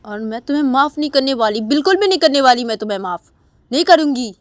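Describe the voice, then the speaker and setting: A woman voicing an angry young woman who scolds and taunts her partner with loud, repeated commands. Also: high voice, expressive, fast, no echo, pitched above the performer's own voice. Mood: angry taunting.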